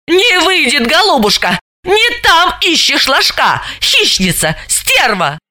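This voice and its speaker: Woman putting on a jealous hysterical young woman, shrill and screeching, very high, swooping pitch, bright tense tone. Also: big pitch swings, normal speed, no room sound, studio quality, full character voice. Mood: shrieking. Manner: screeching, accusing, rude.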